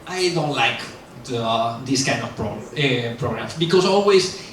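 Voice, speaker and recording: His voice is medium-pitched and a bit bright, with lively intonation and a measured pace. A middle-aged man speaking English as a non-native, he's a guest at a university giving a rambling, casual lecture with Q&A, full of fillers and self-corrections, blunt and self-mocking. The large lecture hall is very echoey, the mic distant, and there's faint hiss.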